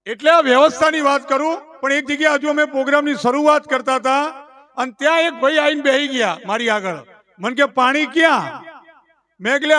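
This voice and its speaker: Under a canopy at a village devotional gathering in Gujarat, India, a local folk storyteller and emcee tells jokes live in an extremely high, sharp voice. He stretches out each punchline and acts out the villagers he quotes.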